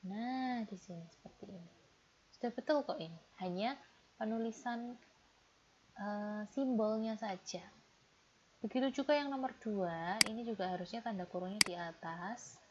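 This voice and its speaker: A woman, teaching grammar as she patiently corrects student homework and reads example sentences slowly. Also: mid-range voice. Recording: dull lo-fi audio with loud background noise.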